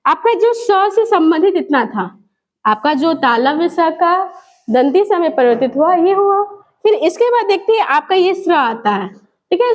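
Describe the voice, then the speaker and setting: High-voiced woman teaching grammar. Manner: asks questions and answers them herself; repeats key words to drill them. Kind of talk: classroom lesson.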